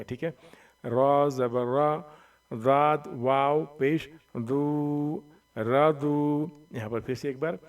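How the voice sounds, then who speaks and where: A man teaching Quran reading, spelling out letters slowly and loudly and then explaining quickly and softly, often checking "theek hai?". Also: medium pitch, distant mic. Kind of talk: slow step-by-step recitation lesson.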